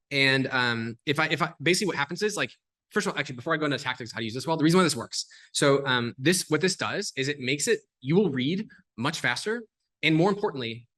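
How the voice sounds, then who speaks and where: A man talking as a podcast guest, explaining things in a fast, animated way, full of "like" and "um" fillers. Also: medium pitch. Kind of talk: casual explanatory conversation.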